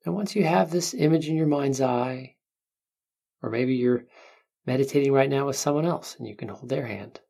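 A meditation guide speaking gently and unhurriedly, with long pauses between soothing instructions. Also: medium pitch, creaky. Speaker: meditation guide, podcast host.

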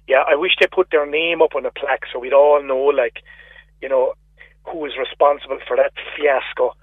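An exasperated Irish man rants down a tinny phone line, his voice husky and dry with no room around it. He talks at a middling pitch and keeps circling back over his own words as he complains. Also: fairly even intonation, a little fast, no echo. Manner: exasperated ranting, repeats himself. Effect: heard over a phone line. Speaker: radio phone-in caller. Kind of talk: casual call-in complaint.

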